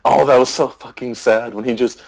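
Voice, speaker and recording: A man's voice: medium pitch, steady tone, brisk, vocal fry, darkish tone, rough recording. A man co-hosting a casual podcast, laid-back and swearing freely as he talks about a game. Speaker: podcast co-host.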